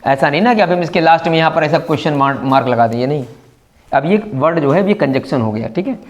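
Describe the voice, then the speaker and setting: A hoarse male teacher leads a classroom grammar lesson in a somewhat high voice. He talks briskly, scolds, and keeps checking whether the students follow. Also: animated, lo-fi sound. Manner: brisk, scolding yet encouraging, often checking understanding. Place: school classroom.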